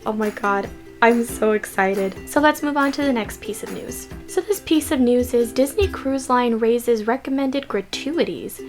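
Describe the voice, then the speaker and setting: A young Californian woman runs a casual news vlog from her messy bedroom, speaking a little slowly and keeping her voice hushed so she stays quiet. She stumbles over words as she reads articles aloud. A desk mic sits in the corner of the frame, and background music plays beneath her voice.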